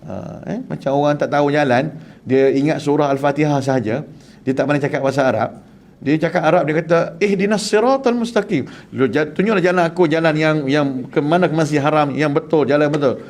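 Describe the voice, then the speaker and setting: A man teaching a Quran class, telling joking stories in an animated way. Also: fairly high pitch, quick pace. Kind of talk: humorous religious class.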